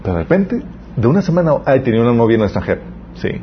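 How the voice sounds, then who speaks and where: A man's voice: medium pitch, racing. A young man, giving a conversational sermon as a youth preacher, telling stories and speaking straight to his audience. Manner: lively storytelling, addresses the audience directly. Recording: slightly muffled recording with faint background noise.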